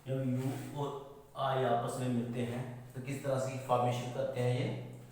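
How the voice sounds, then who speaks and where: Man, pronunciation teacher, slow, repeats example words, echoey room, far from mic. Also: mid-range voice, flat delivery, very noisy. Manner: slow, repeats each example word several times. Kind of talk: classroom-style lesson.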